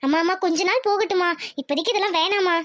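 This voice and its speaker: A woman voicing a meek, anxious young village wife in a cartoon, pleading softly. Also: very high voice, fairly even intonation, fast.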